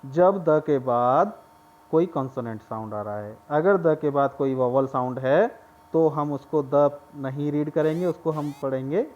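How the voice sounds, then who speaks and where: Male teacher, slightly high voice, methodical grammar explainer, dull lo-fi sound. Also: measured pace, a little mellow. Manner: explains step by step, often checks with "clear?". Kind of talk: grammar lesson.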